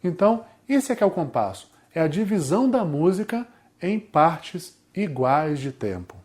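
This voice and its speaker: Brazilian guy teaching music basics, slightly high voice, keeps asking if you got it. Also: sing-song, normal speed, darkish tone. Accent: Brazilian Portuguese. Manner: explains step by step, often checks with "tá ok?". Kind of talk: recorded music theory lesson.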